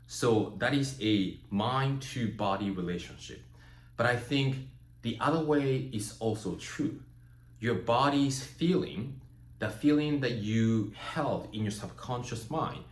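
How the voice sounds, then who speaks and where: A man from Japan whose first language is Japanese, giving a measured, reflective spiritual teaching talk and often checking in with "right?" and "you know". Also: medium pitch. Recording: roomy echo.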